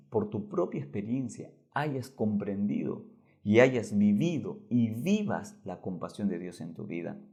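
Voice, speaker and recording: A man preaching a Bible lesson as pastor, swinging between loud emphatic lines and hushed soft ones. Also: lowish voice, vocal fry.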